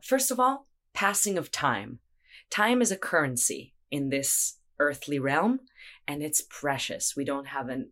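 A woman's voice: deep voice, a bit bright. A woman in casual conversation, explaining ideas in a reflective, spiritual way.

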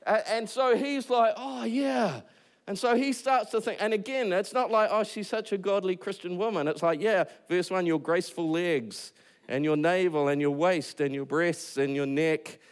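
A man's voice: high-pitched, steady tone, normal speed, smooth. A man with a New Zealand accent, a pastor preaching a casual sermon, acting out quotes in a joking, conversational way.

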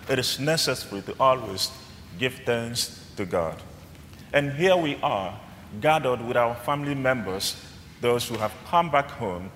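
A man preaching a sermon as a priest, in measured phrase-by-phrase delivery, his voice carrying a cathedral-like echo. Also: medium pitch, fairly bright tone, slight background noise. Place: large church. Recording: long church reverb, faint room ambience.

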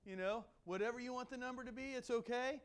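A man puts on a young servant who can't believe what he's hearing, talking in loose street slang and ribbing his master with mocking questions. The voice sits high and scoffing. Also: fast, clean tone. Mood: mocking disbelief.

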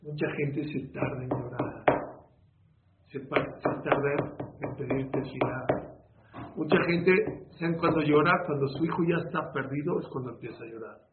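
A man's voice: medium pitch, moderate pace. A man giving a sermon as a rabbi, preaching with rhetorical questions and storytelling. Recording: echoey, phone-like with faint room noise.

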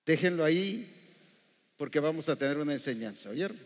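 Male preacher, high voice, sermon, quizzing congregation, long hall reverb. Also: expressive, brisk. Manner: rhetorical questions to the congregation. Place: church hall.

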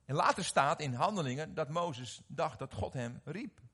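A middle-aged man preaching a sermon, animated and often questioning his audience, repeating words as he restarts. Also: fairly high pitch, normal speed, slightly rough. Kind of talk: sermon to a live congregation.

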